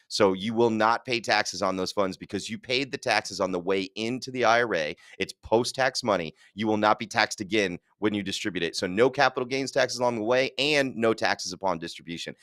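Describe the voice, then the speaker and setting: A man's voice: lowish voice, fairly bright tone, no echo. A man answering as a guest expert, explaining at length with confidence and the odd quip. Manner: confident, explaining, quick jokes.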